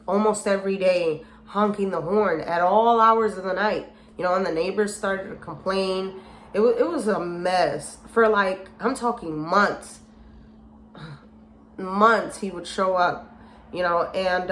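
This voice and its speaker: A woman casually telling a personal story, acting out the people she quotes with lively emphasis. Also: on the low side, roomy sound, a little hiss or hum. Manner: animated retelling with acted quotes. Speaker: storyteller vlogger.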